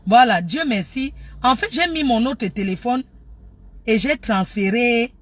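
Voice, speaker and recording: Loud, animated woman live-streaming. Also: on the high side, measured pace. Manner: loud, animated and scattered, full of restarts. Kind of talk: casual live-stream chat. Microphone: phone.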